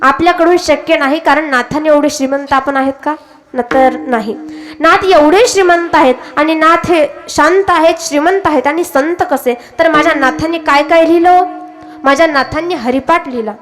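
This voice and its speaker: A woman's voice: sits high, moderate pace. A woman with a Marathi accent preaching a devotional kirtan sermon, telling stories and putting questions to the audience. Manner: storytelling, questions the audience directly.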